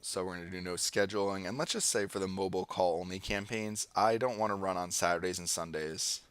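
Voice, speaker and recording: Deep and steady, this American man speaks briskly with a clear, resonant, slightly bright tone. As an online marketing tutorial presenter, he runs a casual, partly improvised screen-share walkthrough, narrating his thoughts at each step. No echo is heard.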